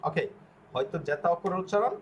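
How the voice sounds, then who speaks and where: A man with a slightly high-pitched voice teaches a pronunciation lesson. He spells out letters and repeats short syllables slowly and deliberately. He speaks Bengali as his first language. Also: animated, slight background noise.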